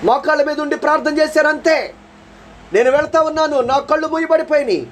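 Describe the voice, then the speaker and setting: Speaking fairly quickly in a very high voice, a man delivers a testimony sermon about his own life. There's slight background noise, and he dramatizes the story with repeated lines and earnest, pleading prayers.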